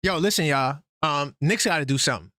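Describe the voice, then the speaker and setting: Bright, animated sports-stream host man. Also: fairly high pitch, fairly quick, dry recording, clean studio sound, faint music behind. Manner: animated, breaks in with updates, talks straight to viewers. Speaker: host of a sports call-in livestream. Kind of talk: excited live sports talk.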